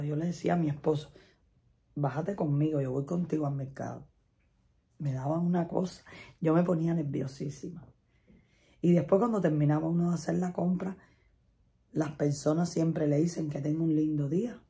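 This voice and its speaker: A woman's voice: low-pitched, mellow. A middle-aged Spanish-speaking woman telling a chatty personal story, laughing often and repeating herself. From Latin America. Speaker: vlogger.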